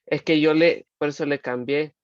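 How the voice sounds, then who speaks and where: A Spanish-speaking man, a student, asking his teacher a question in a halting way. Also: a little high, steady tone, clean tone, dry recording. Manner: hesitant, halting. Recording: dry, lo-fi call audio.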